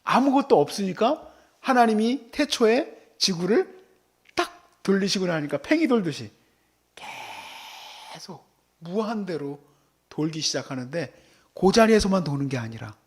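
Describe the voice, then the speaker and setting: High-voiced preacher, whispers to shouts. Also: male voice, sing-song, a little slow, husky. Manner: swings from hushed near-whispers to loud exclaiming outbursts; acts out God's and friends' voices in the sermon. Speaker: pastor. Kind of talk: sermon. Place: church service.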